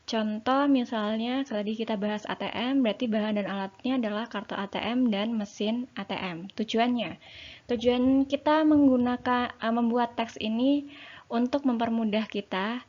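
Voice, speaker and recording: A woman's voice: a little high, moderate pace, a little mellow. A woman teacher, explaining a lesson to her students in a casual, chatty way, full of fillers and rhetorical questions. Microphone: home recording for an online lesson. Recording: slightly dull lo-fi sound.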